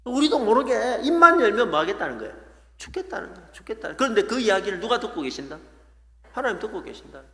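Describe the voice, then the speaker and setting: A man's voice: sits high, sing-song, quick pace, bright, forceful tone. A male pastor preaching a revival sermon, telling the story with playful asides, in a church. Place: church sanctuary. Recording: echoey church hall.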